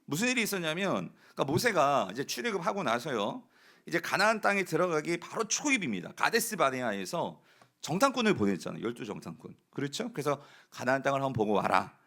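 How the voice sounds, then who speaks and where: Male pastor, sermon: bright, lively delivery with high pitch, keeps quizzing the congregation. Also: quick pace. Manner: animated preaching, asks the congregation questions and answers them; acts out quoted speech of the spies and of Caleb.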